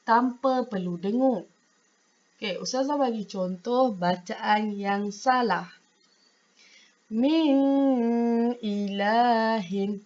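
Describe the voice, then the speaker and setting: A woman with a Malaysian accent teaching Quran recitation, patiently repeating each example. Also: medium pitch. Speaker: religious teacher. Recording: dull lo-fi recording.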